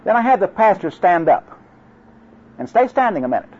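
This older Oklahoma man has a husky, high-pitched, sing-song voice and a brisk delivery in his Oklahoma accent. Teaching class instructors for an evangelistic crusade, he tells jokes and stories in a drawl, rambling with many restarts. The sound is dull and lo-fi.

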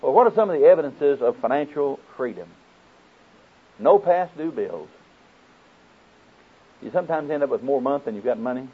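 Preaching in a folksy style, this Oklahoma man teaches from scripture and asks his audience questions. His medium-pitched voice is slightly rough and lively in intonation, moving at a normal speed with long pauses, and the audio is muffled and phone-like.

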